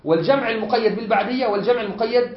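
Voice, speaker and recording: Egyptian male sheikh, high voice, patient classroom explainer with drawn-out fillers, echoey lo-fi room recording. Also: slight background noise. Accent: Egyptian Arabic. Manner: explains step by step and keeps checking students follow; frequent drawn-out hesitation fillers. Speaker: sheikh teaching a study circle. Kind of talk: classroom lesson. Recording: echoey room, dull lo-fi sound.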